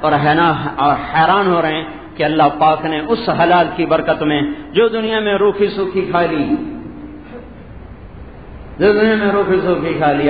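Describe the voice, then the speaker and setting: An older man preaching a sermon, reciting Arabic slowly and telling stories with acted voices. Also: fairly high pitch. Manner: slow drawn-out Arabic recitation, vivid storytelling with acted quotes. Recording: dull, echoey hall recording with faint hiss.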